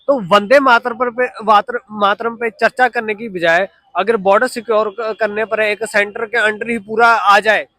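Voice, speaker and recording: High, bright-voiced male interviewer. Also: steady tone, moderate pace, few pauses, no room sound. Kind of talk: pointed interview questions.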